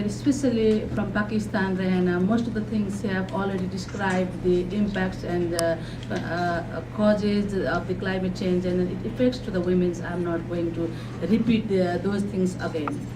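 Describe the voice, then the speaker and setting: A woman from Nepal with a Nepali accent giving a conference talk, pausing often with fillers and restarts. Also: medium pitch. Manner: halting, many fillers and restarts. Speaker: panel speaker. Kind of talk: conference presentation. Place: conference hall. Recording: distant mic, noisy hall.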